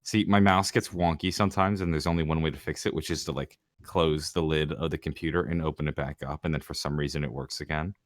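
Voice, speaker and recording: A man's voice: very deep voice, steady tone, fast, few pauses. A young man co-hosting a podcast in casual, easygoing chat. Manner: easygoing, with fillers. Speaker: podcast co-host.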